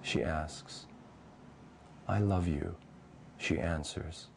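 Slow, gravelly-voiced poet in his fifties. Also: a bass voice, steady tone, slight background noise. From Indonesia. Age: 50s. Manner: slow, measured, thoughtful. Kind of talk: poetry reading and personal account.

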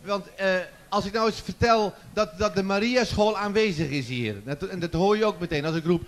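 A man's voice: high voice, moderate pace. Playful man hosting a live stage show. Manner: jokey, chatty, teasing the audience. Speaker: presenter of a children's song contest. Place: large festival tent before an audience. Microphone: handheld stage microphone.

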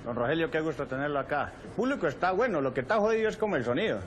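A man plays an eager young opening act in a comedy film, polite and fawning. He talks quickly, with faint room noise behind him. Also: a little high, lively intonation, natural voice.

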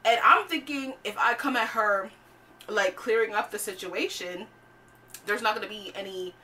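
Animated young woman, bright and a bit distant. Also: medium pitch, moderate pace. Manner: animated, profane, conversational storytelling. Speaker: vlogger. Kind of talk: storytime vlog.

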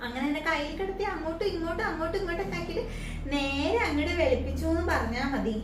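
A woman vlogging at home at night, talking through caring for a child in a soft, explaining voice that turns loud and teasing. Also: extremely high pitch, very fast, reverberant, far from the mic, noisy background. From Kerala. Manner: soft-spoken explaining, then loud playful scolding. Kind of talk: casual home vlog narration.

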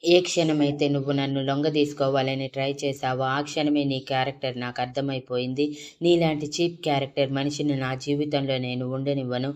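A woman's voice: extremely low pitch, level tone, brisk, darkish tone. A woman voicing an angry, stern young man in a Telugu audio story. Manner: stern, cutting.

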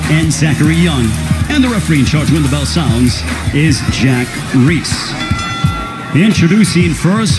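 A man announcing a boxing match in a booming, theatrical lucha libre announcer manner, stretching out the names. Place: boxing arena.

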